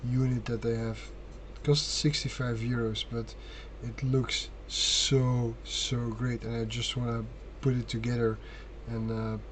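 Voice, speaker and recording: A man with a Flemish Belgian accent talks casually through a hobby painting stream. His middle-pitched voice stays quite monotone, and he speaks haltingly, thinking aloud. The amateur mic picks up clear noise and his breathing. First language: Flemish Dutch. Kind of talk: casual chat while painting miniatures on a livestream. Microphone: sensitive stream mic picking up breathing. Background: clear noise, brush sounds.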